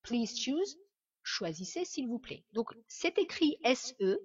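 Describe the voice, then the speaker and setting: Husky French woman teaching pronunciation. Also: fairly high pitch, very animated. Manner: repeats words slowly, spells letters aloud. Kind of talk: screen-share pronunciation lesson. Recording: distant dull lo-fi mic.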